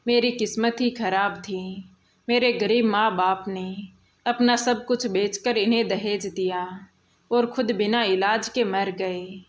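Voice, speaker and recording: A tearful, mistreated young daughter-in-law, as a woman storyteller puts her on, pleading softly. The lines come slowly, in a storybook read. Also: medium pitch, fairly even intonation, lightly acted. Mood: despairing.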